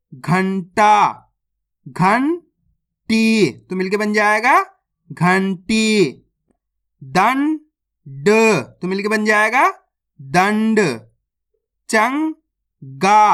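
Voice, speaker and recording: A reading teacher who sounds out words syllable by syllable, then says each whole, and checks with viewers that it is clear. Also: mid-range voice, fairly bright tone. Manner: addresses viewers as friends, asks if it is clear. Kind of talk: slow word-by-word reading lesson.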